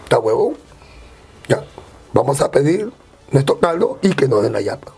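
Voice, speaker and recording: A man voicing a scheming male friend who is plotting a prank, in a low, gravelly mutter with a Peruvian accent. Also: sing-song, moderate pace, darkish tone, heavily acted. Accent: Peruvian Spanish.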